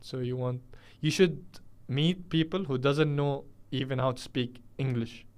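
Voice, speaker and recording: A man's voice: medium pitch, a little slow, a little mellow, clear, resonant tone. A man raised in the UAE chatting casually on a radio show, agreeing and building on his co-host's points with frequent uhs. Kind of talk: casual chat.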